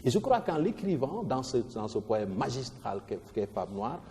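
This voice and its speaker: A man, teaching a poetry lesson in an animated way, stressing syllables and often restarting his words. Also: medium pitch, moderate pace. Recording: long reverb.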